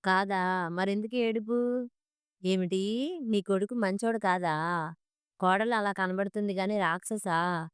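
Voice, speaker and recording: A woman voicing a sharp-tongued middle-aged mother-in-law who complains and scolds in a storybook monologue. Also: mid-range voice, steady tone, a little slow, pauses often, clean tone, no echo, clean studio sound, close to an everyday voice. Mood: prying.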